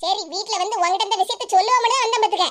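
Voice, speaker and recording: A woman's voice: very high-pitched, rapid-fire, a bit bright. A woman voicing a scheming, quarrelsome old mother-in-law in a cartoon, with a Tirunelveli Tamil accent and a scolding, theatrical manner. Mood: plotting. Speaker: cartoon voice actor. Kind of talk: comic cartoon voice acting. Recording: noisy recording.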